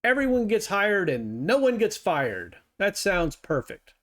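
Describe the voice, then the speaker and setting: A middle-aged man hosts a reaction video with a notably high voice. He fires back at clips in a sarcastic, heated tone, mocking as he argues. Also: big pitch swings, a little slow, fairly bright tone. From United States. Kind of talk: reaction commentary.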